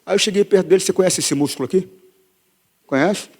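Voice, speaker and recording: Husky pastor preaching in a hall. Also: male voice, high voice, fast. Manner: animated preaching, swings from hushed storytelling to loud emphatic repetition. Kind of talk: sermon. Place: church hall.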